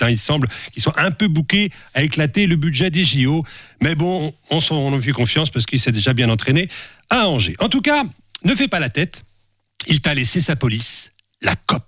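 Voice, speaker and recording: A man's voice: on the high side, a bit bright, dry recording. Brief man, mocking radio columnist, bouncy up-and-down delivery, dry close studio mic. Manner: teasing, mocking. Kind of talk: satirical radio editorial. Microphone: studio microphone.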